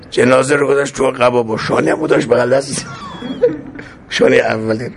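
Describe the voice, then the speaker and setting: A man's voice: medium pitch, a little hiss or hum. A man telling a folk tale in an informal, folksy way, with many asides. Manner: folksy and colloquial, with frequent asides. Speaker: storyteller. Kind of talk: informal oral storytelling.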